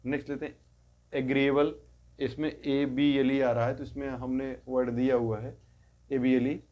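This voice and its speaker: A man tutoring English grammar in a step-by-step lesson. He is patient and repeats each word form slowly, explaining in Hindi and saying the English forms aloud. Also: mid-range voice, level tone, darkish tone.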